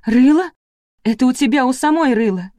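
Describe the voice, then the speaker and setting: A woman's voice: high-pitched, animated, normal speed, mellow, no room sound, studio quality, voice pushed up. A woman reading aloud, voicing a spiteful, sly village gossip with a terse, biting manner.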